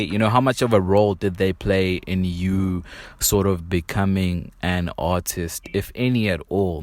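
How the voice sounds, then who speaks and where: A male podcast co-host with a very deep voice chats in easy, slangy banter, calling people "bro" and "dude". His questions ramble and loop back on themselves. The sound is close and dry, with no room around it. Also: dry recording. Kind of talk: casual podcast chat.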